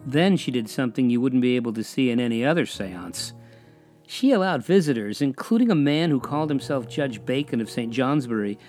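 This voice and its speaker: A man narrating a history story in a measured, dramatic way, with pauses, dropping to a hush on eerie details. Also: mid-range voice.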